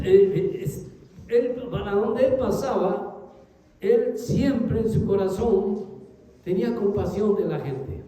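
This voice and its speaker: A man preaching a sermon to his congregation, reading scripture aloud and swinging between raised calls and low, trailing phrases. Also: dark tone, recorded from a distance. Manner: addresses congregation as brothers, reads scripture aloud. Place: large echoey hall. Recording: very echoey hall, long reverb.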